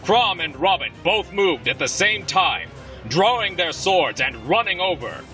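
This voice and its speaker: Over faint music, a man narrates a fantasy story in a dramatic, scripted style, a little distant from the microphone. His bright voice ranges widely in pitch, very animated yet unhurried.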